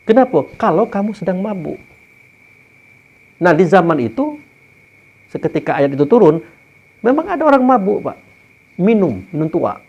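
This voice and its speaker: A man's voice: sits high, a little mellow. A man preaching in a lay religious talk, often turning to his listeners and pressing his points with rising and falling emphasis. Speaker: religious teacher. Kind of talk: sermon. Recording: dull lo-fi recording.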